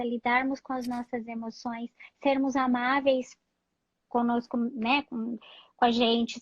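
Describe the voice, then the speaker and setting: A fairly high-pitched woman psychologist giving gentle, reassuring advice over a live video call. Her voice sounds dull and muffled, and very dry, with no room echo. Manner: calm, reassuring, many "né?" fillers. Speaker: psychologist guest.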